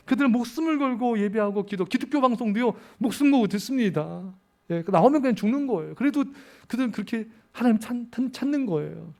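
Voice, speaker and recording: High-voiced fervent male preacher. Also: darkish tone. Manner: fervent preaching, repeated appeals to the congregation, slows and swells on key phrases. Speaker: pastor. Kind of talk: sermon.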